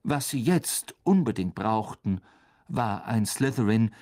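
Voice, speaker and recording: A reader narrating an audiobook in measured storytelling style. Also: mid-range voice, animated, a little mellow. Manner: measured storytelling with voiced characters.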